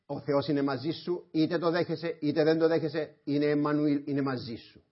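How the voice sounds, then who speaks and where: A pastor preaches in a church, his fairly high, husky voice rising from calm teaching into fervent shouting. The lo-fi recording dulls the sound. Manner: impassioned, swings from quiet talk to shouting. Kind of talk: sermon. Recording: dull lo-fi sermon recording.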